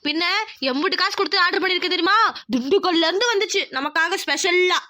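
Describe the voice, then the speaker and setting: A woman's voice: extremely high pitch, quick pace, sharp tone. A woman voicing a brash, scheming woman in a cartoon who bosses others around to get an inheritance. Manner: brash, bossy. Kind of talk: cartoon voice acting.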